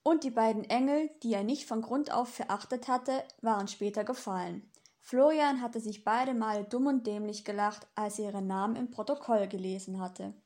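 A woman reads a novel chapter aloud as narrator. Her voice sits somewhat high. She tells the story in a steady, expressive way. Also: normal speed. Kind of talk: audiobook narration.

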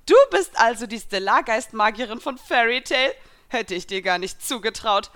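A woman voicing a mocking young villainess in a fan fiction reading, taunting in a raised, louder voice. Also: animated, normal speed. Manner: taunting, sneering, louder and higher.

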